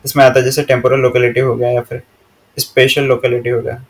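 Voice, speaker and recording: A man with an Indian accent explaining computer memory slide by slide, reading English lines slowly and then explaining them in a steady monotone. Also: mid-range voice. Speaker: teacher.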